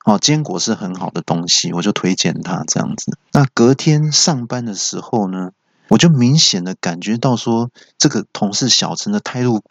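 A man, hosting a podcast and telling self-mocking comic anecdotes in an animated way. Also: fairly low pitch, no echo, highs cut off. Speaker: podcast host. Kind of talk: comic storytelling monologue.

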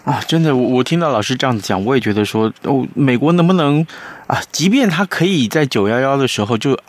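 Brief: male radio host, lively pitch, dry close sound. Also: fast talker, dry recording. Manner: hesitant, searching for words. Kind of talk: radio interview.

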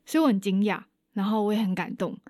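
A woman's voice: medium pitch, fast, mellow, no room sound, studio quality. A young woman, a guest on an interview show, animatedly retelling an experience and acting out the dialogue. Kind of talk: casual storytelling in an interview.

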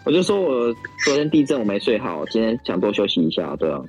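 A man's voice: lowish voice, very animated, fast talker, slightly rough. A man with a Taiwanese Mandarin accent chats casually and candidly over an overseas phone call, rambling and repeating himself as he tells stories. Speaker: podcast co-host. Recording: overseas phone call, faint music behind.

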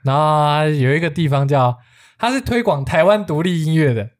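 A man with a Taiwanese accent and a slightly high voice hosts a podcast. He explains things conversationally, in an easygoing and jokey manner. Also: lively intonation, moderate pace. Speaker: podcast host.

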